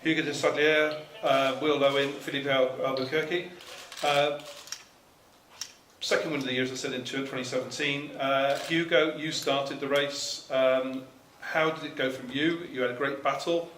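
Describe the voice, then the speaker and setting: A man's voice: mid-range voice, steady tone, normal speed, fairly bright tone, reverberant, slight background noise. A man moderating a press conference, putting questions to drivers in a casual, chatty, upbeat way.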